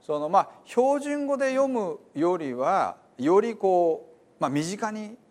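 A man's voice: sits high, animated, slow pace, a little mellow. A man preaching a sermon in a church, explaining Bible translation in a conversational, explanatory way with many fillers. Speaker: pastor.

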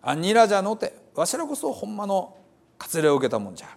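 A man's voice: sits high, huge pitch swings, fast, creaky, voice pushed up, full character voice. A man reading as fervent Paul in Hiroshima dialect. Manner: earnest and emphatic, reading scripture aloud. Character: the apostle Paul, zealous male preacher, fervent.

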